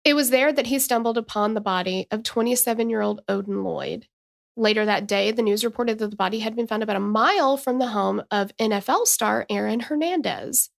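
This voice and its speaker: A woman's voice: a little high, brisk, gravelly. A woman in her thirties co-hosting a casual true-crime podcast, chatting and reading case notes with asides. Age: 30s. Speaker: podcast co-host.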